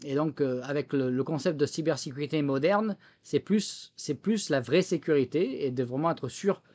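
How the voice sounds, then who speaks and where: He speaks at a moderate pace in a darkish tone, his voice on the high side. As an interview guest, this French former government official turned technology entrepreneur offers explanatory answers, his French accent slightly tinged with American, and he repeats words often as he searches for the next.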